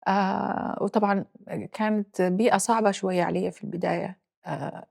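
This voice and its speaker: A Libyan-accented woman in her forties tells her story in an interview. She is reflective and halting, slipping English phrases in as she goes. Her voice has a gravelly, creaky texture. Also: mid-range voice, steady tone, darkish tone. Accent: Libyan Arabic. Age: 40s. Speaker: guest. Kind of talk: personal interview.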